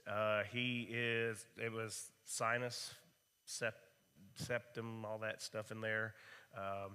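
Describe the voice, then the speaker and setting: A hoarse man with a cough, leading a church Bible study with relaxed, rambling announcements and prayer requests. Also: on the low side. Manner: relaxed, rambling, many fillers. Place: church room. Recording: long reverb of a church hall.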